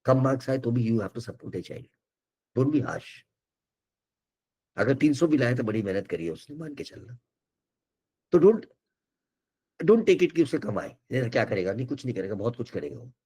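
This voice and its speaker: A man's voice: medium pitch, big pitch swings, a little slow, pauses often, darkish tone, breathy edge. An older man, an education counsellor giving an earnest, reassuring webinar talk that keeps switching between Hindi and English.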